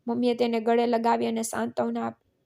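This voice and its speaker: A woman narrating a scripted family story in a flat, even reading. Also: fairly high pitch, a little fast, gravelly.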